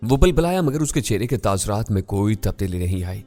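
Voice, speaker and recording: Low-voiced man narrating a thriller. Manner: steady, measured storytelling. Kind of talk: first-person audiobook thriller narration. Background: faint music.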